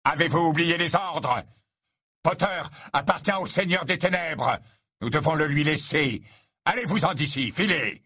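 Sneering male wizard voiced by a man, disdainful, mocking, raised pitch, dry close sound, audiobook. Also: animated, a little fast, few pauses, pushed and bright, slightly rough, dry recording, full character voice.

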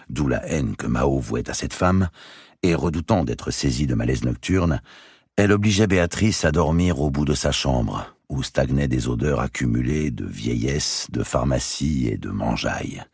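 A man reading a historical novel aloud as its narrator, with an expressive, dramatic delivery. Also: very deep voice, breathy edge, dry recording, studio quality.

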